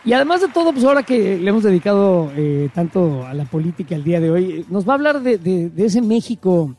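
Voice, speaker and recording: A man's voice: high voice, sing-song, a little fast, warm tone. A man with a Mexican Spanish accent, co-hosting a radio talk show in a casual, joking way, full of slang. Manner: informal, joking, uses slang.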